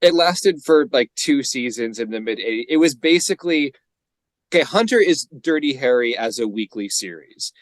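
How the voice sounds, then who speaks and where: A man's voice: mid-range voice, expressive, normal speed, dry recording. A man co-hosting a podcast, rambling in casual chat with frequent laughs. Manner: rambling, laughs often, drops into gravelly impressions. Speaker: podcast co-host.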